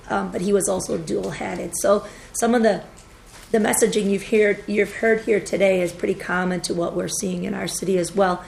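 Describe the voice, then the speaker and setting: A woman fighting a cold speaks with a gravelly, froggy rasp as she testifies before a committee. She briefs in an earnest, steady way, with frequent ums and uhs. A faint hum sits behind her. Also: medium pitch. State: hoarse with a cold. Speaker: deputy director of emergency management. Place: government committee hearing room.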